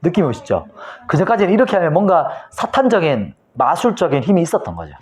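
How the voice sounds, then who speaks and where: A pastor from Korea teaches the Bible in an animated way, acting out the scenes as he tells them. His voice sits a little high for a man and swings widely in pitch. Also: quick pace. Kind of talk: Bible lecture.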